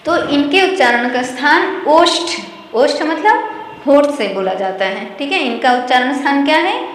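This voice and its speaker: A woman gives a slow online grammar lesson, repeating each point and stopping to check that her students follow. Her voice sits high and comes from some distance off the mic. A long, hollow room echo rings around her words over a faint background hiss. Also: expressive. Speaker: Sanskrit teacher. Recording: echoey room, voice from far off.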